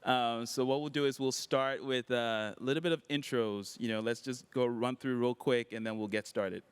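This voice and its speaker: An upbeat man moderates a panel at a conference in an easy, chatty way. His voice is smooth and resonant, sitting at a middle pitch, and he leans on fillers now and then. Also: moderate pace. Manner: relaxed, upbeat, many fillers. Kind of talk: casual panel talk. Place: conference hall.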